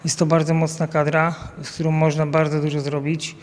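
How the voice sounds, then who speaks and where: A national team coach, a man in his thirties, answers questions outdoors by a banner at an event while the interviewer holds a handheld mic. His slightly high voice is monotone and fairly quick, sounding as if in a large hall, and his replies are peppered with fillers and restarts.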